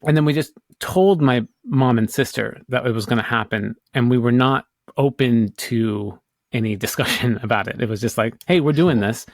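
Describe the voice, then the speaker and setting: A man's voice: medium pitch, moderate pace, no room sound, studio quality. A man from the United States co-hosting a podcast, talking in a casual, hesitant, rambling way with many restarts. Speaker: podcast co-host. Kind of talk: casual chat.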